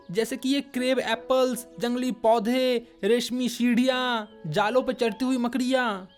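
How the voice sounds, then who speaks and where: A woman voicing a kindly old man gardener with a tin leg, who talks gently and patiently like a father. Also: sits high, natural voice. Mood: fatherly.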